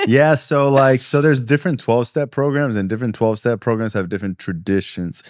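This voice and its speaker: A man at an average pitch, talking in a relaxed, rambling way full of "like" and "you know." He sounds close and dry, with no room around him. He comes across as a podcast guest chatting openly. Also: a little fast, no room sound. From South Florida. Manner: loose and conversational, many fillers and asides. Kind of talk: casual interview talk.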